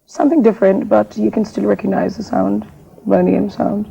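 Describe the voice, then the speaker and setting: Gravelly woman from Jamaica, noisy tape. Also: mid-range voice, steady tone, a little fast, warm tone. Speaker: singer, interview guest. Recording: lo-fi TV tape with crowd noise.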